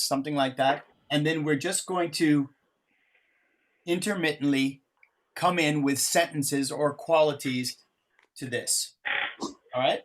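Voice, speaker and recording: This facilitator's voice sits on the high side and has a fairly bright tone, recorded through a video call microphone with slight background noise. He guides an interactive improv exercise during a video call, encouraging people as he explains each step.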